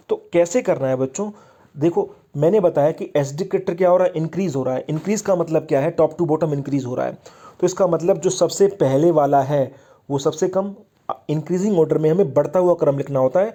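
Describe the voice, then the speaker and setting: Male chemistry teacher, mellow and fairly high voice, quizzes himself as he explains. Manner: explains step by step, asks and answers own questions. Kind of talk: exam-prep lesson.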